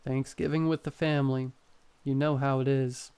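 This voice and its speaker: A man's voice: medium pitch, level tone, moderate pace, a little mellow, smooth, natural voice. Man voicing an earnest, placating young boyfriend. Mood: earnest, insistent. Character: young boyfriend, meek, pleading, loyal to monstrous family. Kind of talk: acted dialogue in horror storytelling.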